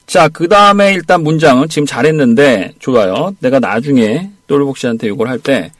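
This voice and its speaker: A man's voice: mid-range voice, expressive, fairly quick, no echo. A man teaching English on a radio lesson, playful and teasing as he coaches his co-host.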